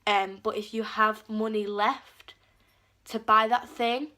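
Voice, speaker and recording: Her voice is on the high side, level, pushed and bright, and she takes her time. A teenage vlogger with a cold, she chats casually to the camera, scattering "like" everywhere and acting out the things people said.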